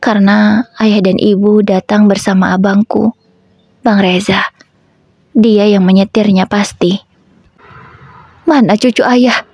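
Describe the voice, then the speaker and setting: A woman narrating a sorrowful first-person family story in a slow, reflective way. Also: medium pitch, flat delivery, a little mellow, slightly rough, dry recording.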